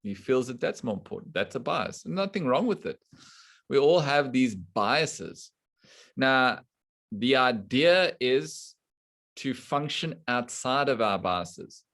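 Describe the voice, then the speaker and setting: A man teaching a scripture class to students online, explaining slowly and deliberately and putting questions to the class. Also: mid-range voice, expressive, fairly bright tone. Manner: slow and deliberate, quizzing the class. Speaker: spiritual teacher.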